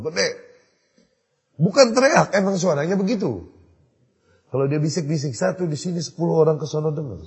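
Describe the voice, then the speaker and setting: A male preacher delivers a sermon in a somewhat high, husky voice, telling stories and acting out the dialogue between figures. He swings between quiet asides and loud, emphatic peaks. The recording sounds dull and lo-fi, with a long hall reverb behind him. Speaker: Islamic preacher.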